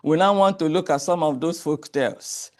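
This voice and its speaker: A man presents at an academic conference in a measured, explanatory way. His voice sits a little high for a man, and he keeps things orderly, slide by slide. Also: darkish tone. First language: Igbo. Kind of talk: academic presentation with folk tale.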